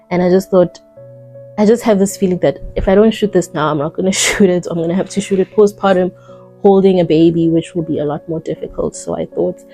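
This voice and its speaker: A young woman, heavily pregnant and a little out of breath, chatting casually to camera in a vlog with soft laughs and frequent ums. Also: lowish voice. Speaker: vlogger.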